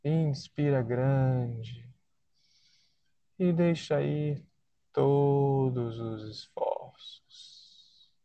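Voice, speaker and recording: A man with a Brazilian accent leading a guided body-scan relaxation in a soothing, unhurried way, leaving long pauses between short phrases. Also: medium pitch, mellow, no room sound, lo-fi sound. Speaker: guided meditation leader.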